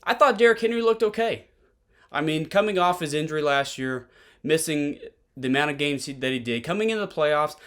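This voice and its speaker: A man's voice: fairly high pitch, fairly bright tone. A man with a Tennessee accent hosting a solo sports podcast, giving conversational football analysis and posing pointed rhetorical questions.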